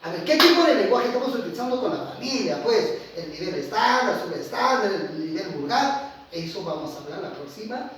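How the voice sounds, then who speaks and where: A middle-aged male teacher giving an online lecture, animated, swinging between loud and quiet, often asking his students if they follow. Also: high voice, a little fast, slight background noise. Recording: very echoey room, voice from far off.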